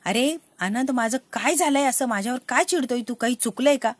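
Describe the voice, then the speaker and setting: A woman's voice: sits high, fairly quick, no echo. A woman voicing a sweet, childlike young wife, pleading and puzzled.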